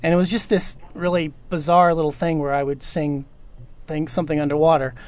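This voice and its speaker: An audio drama producer answers listener questions on a casual podcast Q&A, rambling through long stories full of fillers and restarts. His voice is fairly high and a little mellow, with a flat delivery and a slightly fast pace.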